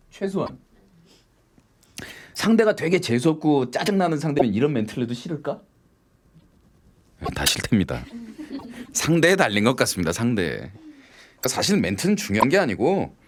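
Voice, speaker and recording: A middle-aged man hosting a late-night radio show, telling stories with lots of laughter and swearing and acting out both sides of the conversations himself. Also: mid-range voice. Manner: lively storytelling, swearing and laughing at cheesy lines. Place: radio studio. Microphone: studio microphone.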